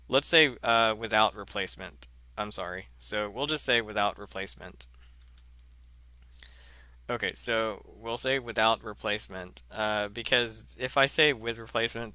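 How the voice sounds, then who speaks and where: A man teaching a math lesson in a slow, halting way, full of fillers and self-corrections. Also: on the low side, pushed and bright, clear, resonant tone, dry recording. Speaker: math instructor. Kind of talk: recorded lecture.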